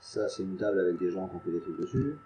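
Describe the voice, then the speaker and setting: Casual male gaming commentator, lowish mellow voice, self-mocking mutterer at a desk mic. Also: lively intonation, fast talker, slight background noise. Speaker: gaming YouTuber.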